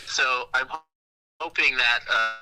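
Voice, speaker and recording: A man's voice: medium pitch, slow. A man calling in by phone, heard through a speakerphone held up to the microphone, chatting casually and apologetically as a podcast co-host. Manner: rambling, apologetic, laughing. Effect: phone call on speakerphone held up to the mic. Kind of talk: casual chat.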